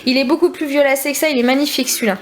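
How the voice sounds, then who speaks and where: A young woman with a regional French accent, vlogging casually into a handheld camera, chatty and quick to laugh. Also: sits high, steady tone. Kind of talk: casual vlog chat.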